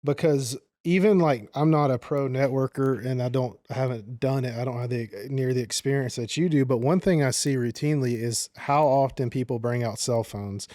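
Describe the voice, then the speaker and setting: A man co-hosting a podcast, talking in a measured, modest, conversational way. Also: mid-range voice, warm tone, no echo, clean studio sound. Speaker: podcast co-host. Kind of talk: casual conversation.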